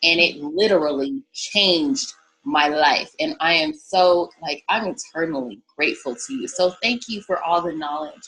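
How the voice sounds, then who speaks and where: A woman's voice: deep voice, normal speed, a bit bright, faint music behind, poor audio. A woman joining an online meeting, speaking in a gushing, grateful way with lots of "like" fillers. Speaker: meeting participant. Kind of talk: casual call-in comment.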